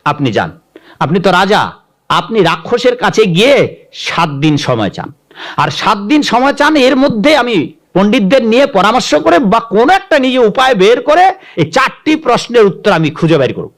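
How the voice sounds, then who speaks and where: A man's voice: high voice, sing-song, normal speed, fairly bright tone, heavily acted. A man voicing a clever, anxious young scholar in a spoken religious tale, urgent and earnest.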